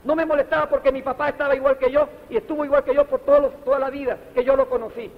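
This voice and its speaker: High-voiced man preaching success. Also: little pitch movement, rapid-fire. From Panama. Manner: preachy, addresses the audience directly with rhetorical questions. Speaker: motivational speaker. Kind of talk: motivational speech to an audience. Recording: dull, echoey hall recording.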